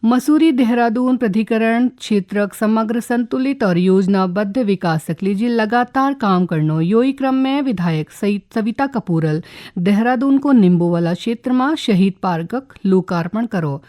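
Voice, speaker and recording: A radio newsreader with a Kumaoni accent reads a scripted regional news bulletin in a formal, measured announcer's style. Her voice is medium in pitch and mellow.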